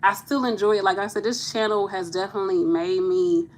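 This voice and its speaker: A woman's voice: mid-range voice, fairly quick. A woman in her thirties, a nurse hosting a casual live chat with viewers, talking candidly and laughing easily. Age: 30s. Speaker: nurse and channel host.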